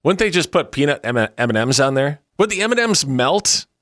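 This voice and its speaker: A man's voice: on the high side, big pitch swings, brisk, fairly bright tone, dry recording, studio quality. A man hosting a radio show, chatting casually and taking listener calls. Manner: easygoing, plugs the call-in line. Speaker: radio host. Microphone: studio microphone.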